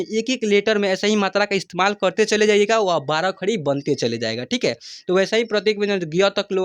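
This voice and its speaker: A man teaching the Hindi alphabet, reciting syllables slowly and repeating each one with teaching fillers. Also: high voice, a bit bright, clean tone, dry recording. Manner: slow, drawn-out recitation of syllables.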